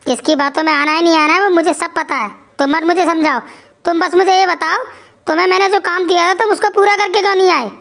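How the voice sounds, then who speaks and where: A bossy cartoon wife who fires off demanding questions at her husband. Her voice is high-pitched and sharp. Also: fairly even intonation, fast talker. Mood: scolding. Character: bossy scolding wife, young adult woman.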